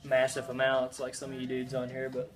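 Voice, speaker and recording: A man's voice: medium pitch, completely flat delivery, a little fast. A man hosting his channel, chatting casually and rambling through a haul, a bit winded, with many fillers and restarts. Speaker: channel host showing a music haul. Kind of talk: casual chat. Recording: music playing in the background.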